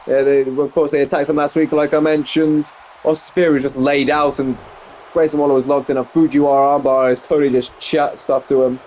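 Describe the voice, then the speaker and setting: A man's voice: fairly high pitch, little pitch movement, a little fast, a little mellow, a little hiss or hum. Rambling English man commentating gameplay. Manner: rambling, self-correcting, frequent exclamations. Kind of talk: casual wrestling game commentary.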